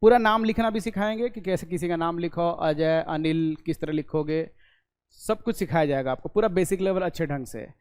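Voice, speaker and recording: Smooth-voiced man teaching a class. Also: fairly high pitch, darkish tone. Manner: explains slowly, stretching out sounds and checking in with "okay". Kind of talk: online class lecture. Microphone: recorded for a video lesson.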